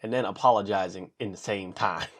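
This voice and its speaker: A man in his thirties telling a personal story to camera in a casual, animated way, acting out what people said. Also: normal speed. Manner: animated, acts out quotes with big pitch jumps. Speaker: vlogger.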